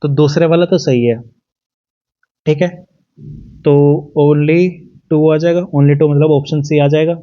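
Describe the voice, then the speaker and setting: A man's voice: a little high, steady tone, highs cut off. Indian man teaching an exam-prep lesson. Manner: explains step by step, repeats "ठीक है" often, reads questions slowly in English.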